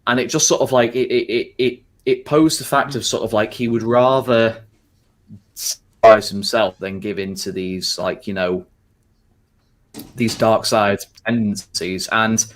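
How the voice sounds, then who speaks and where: A man's voice: on the low side, fairly even intonation, measured pace. A man hosting a casual podcast chat, rambling with constant fillers and frequent swearing. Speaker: podcast host.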